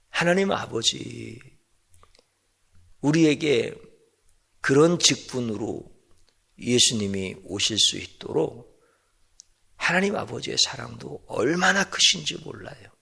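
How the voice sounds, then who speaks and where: A male pastor delivering a sermon, speaking slowly and emphatically and asking rhetorical questions. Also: medium pitch, vocal fry, sharp tone, husky.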